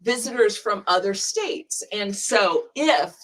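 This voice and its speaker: A woman's voice: mid-range voice, expressive, slow pace. A woman hosting a live prize drawing in a casual, chatty way, laughing often and stumbling over names. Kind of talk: casual live-stream chat.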